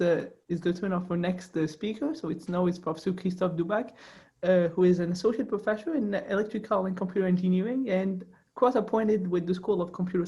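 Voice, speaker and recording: A student host introducing speakers over a video call, halting with many fillers. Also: male voice, high voice, darkish tone, breathy edge.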